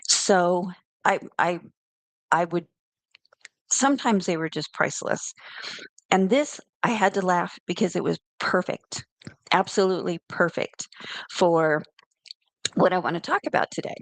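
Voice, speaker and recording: A woman's voice: on the low side, measured pace, pauses often, dry recording. A middle-aged woman hosting a casual spiritual talk show, chatty and rambling, often correcting herself as she goes. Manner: rambling, self-correcting, friendly. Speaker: host.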